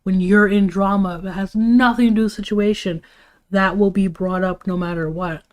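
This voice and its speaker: With a steady tone and mid-range voice at a moderate pace, a fatigued woman chats informally on her livestream. Her opinions wander, and a bit of casual swearing slips in.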